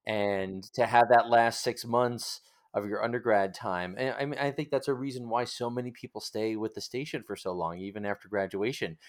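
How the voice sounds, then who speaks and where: A podcast host with a lowish voice conducts a casual interview at a normal speed. He speaks sympathetically, feeling his way thoughtfully through his phrasing.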